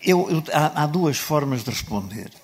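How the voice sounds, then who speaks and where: A man's voice: a little high, lively intonation, normal speed. An older man with a European Portuguese accent speaking as a guest author on a panel, eloquent, formal and dryly ironic.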